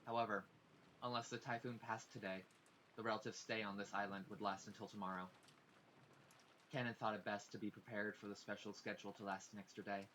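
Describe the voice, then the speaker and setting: A man reading a visual novel's narration aloud for a let's play, with expressive delivery and casual, swearing asides. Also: on the low side, a little fast, a little hiss or hum. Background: faint game music.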